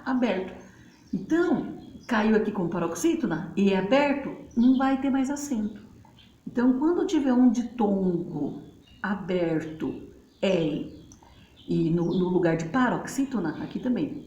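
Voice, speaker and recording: A woman's voice: medium pitch, dark tone. A woman teacher, patiently explaining at a board and spelling out syllables in a chatty way. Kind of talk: casual classroom explanation. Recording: roomy, faint background noise.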